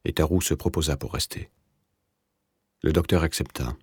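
Very deep husky male narrator. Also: dry recording, clean studio sound. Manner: measured, even literary reading. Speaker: audiobook narrator. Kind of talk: scripted narration of a novel.

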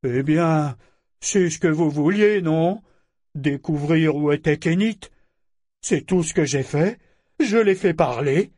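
A man's voice: sits high, big pitch swings, slow, darkish tone, dry recording, clean studio sound, voice pushed up, exaggerated voice. A man voicing a living wooden ship figurehead that speaks like a frightened, defiant little boy, in a childlike, pleading yet aggressive way.

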